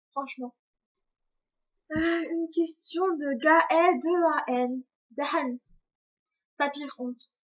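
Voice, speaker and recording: A young woman with a slightly high voice rambles through viewer questions in a casual vlog. She trips over her words and laughs at her own slips. The sound is dull and lo-fi, like a cheap webcam mic. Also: a little mellow. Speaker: vlogger answering viewer questions. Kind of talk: casual chat to camera.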